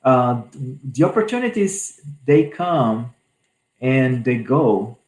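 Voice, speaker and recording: A man's voice: medium pitch, very animated, takes it slowly, a little mellow, roomy sound, low-quality recording. A man giving an earnest spiritual talk on a scripture passage, often restarting his phrases. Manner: earnest, repeats and restarts often, many fillers. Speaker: spiritist speaker.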